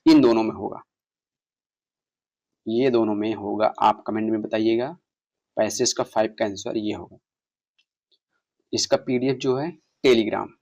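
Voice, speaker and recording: A man teaching an online exam-prep lesson, reading passage lines slowly and explaining them, asking his students questions. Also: lowish voice, a little mellow, lo-fi sound. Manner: reads English passages slowly, explains in Hindi, quizzes viewers. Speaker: English exam tutor.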